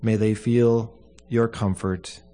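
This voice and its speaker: Low, mellow-voiced man praying as pastor. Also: little pitch movement, soft background music. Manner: earnest, measured, with pauses between short phrases. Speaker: pastor leading a funeral service. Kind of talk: solemn prayer and benediction.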